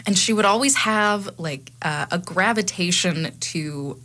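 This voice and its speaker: A young woman co-hosts a radio show from a studio microphone, her fairly low voice pushed and bright. She chats and announces in an upbeat way, throwing in quick asides with laughs.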